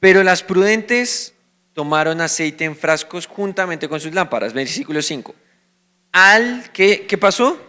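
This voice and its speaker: Bright-voiced Colombian pastor teaching a sermon. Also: male voice, sits high, lively intonation, a little slow, clean tone. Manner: teaching, asks the congregation questions and answers them.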